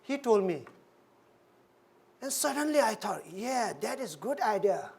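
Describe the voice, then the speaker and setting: A woman's voice: on the high side, sing-song, a little slow, darkish tone, slightly rough. Woman, from Sikkim India, minister, personal story talk, laughing often, restarts phrases. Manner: storytelling that acts out dialogue, with frequent laughs. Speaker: Buddhist minister.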